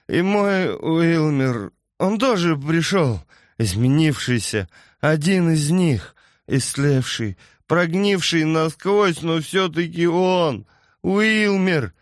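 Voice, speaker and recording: A man's voice: on the high side, no echo, clean studio sound, voice pushed up. A man voicing a bitter, unhinged drunk villager who slurs, rants and cackles shrilly, in an audiobook. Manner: slurring, ranting, cackling shrilly.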